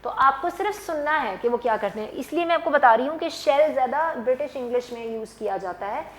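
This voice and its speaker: A woman teaching an English grammar lesson, explaining patiently and switching between Hindi and English as she repeats example sentences slowly. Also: high-pitched, expressive, echoey room, poor audio.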